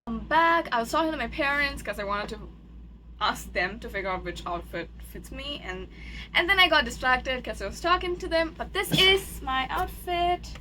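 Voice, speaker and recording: A young woman, a student, chatting casually to her camera in a vlog, excitable and gushing at times, sometimes quiet and self-conscious. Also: high-pitched, moderate pace, background noise. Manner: chatty, excitable, gushing over cute things. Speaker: vlogger and student.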